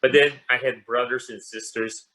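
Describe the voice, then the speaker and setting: A man from the Philippines, a pastor, answering interview questions in a measured way with many pauses and fillers. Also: mid-range voice, fairly even intonation, pushed and bright, rough recording. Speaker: interview guest. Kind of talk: casual interview.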